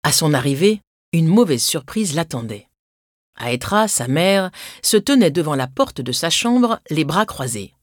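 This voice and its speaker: A woman reads a children's storybook aloud as scripted narration. Her pitch moves a lot and rises on dramatic words. The sound is dry and close, with no room around it. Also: very animated, measured pace, no echo.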